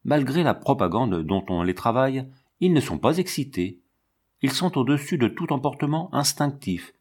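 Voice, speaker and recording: Grave, measured male audiobook narrator. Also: mid-range voice, sing-song, a little mellow, husky. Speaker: audiobook reader. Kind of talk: scripted narration.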